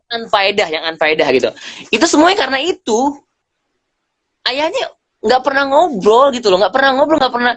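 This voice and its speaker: Animated man telling stories, dry sound. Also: very high-pitched, moderate pace, long pauses, dry recording. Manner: animated storyteller, acts out dialogue, slangy. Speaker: guest speaker. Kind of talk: casual live-stream chat. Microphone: phone on a live video stream.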